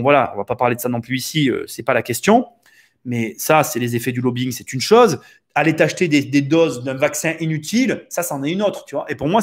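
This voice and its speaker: A man hosting a real estate podcast, speaking in a casual, opinionated monologue with rhetorical questions and frequent hesitations. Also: medium pitch. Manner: hesitant, many fillers and restarts, rhetorical questions.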